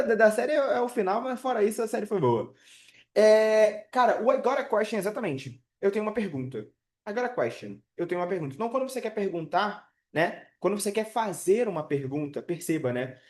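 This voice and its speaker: A man's voice: high voice, darkish tone, reverberant. A man in his twenties teaching English in a casual live online class, chatty and full of fillers and check-ins with his students. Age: 20s.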